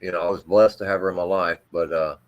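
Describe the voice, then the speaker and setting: In an interview, a middle-aged male army veteran recounts a personal story in a deep, carrying voice that holds a steady tone. He speaks haltingly, with many fillers and false starts.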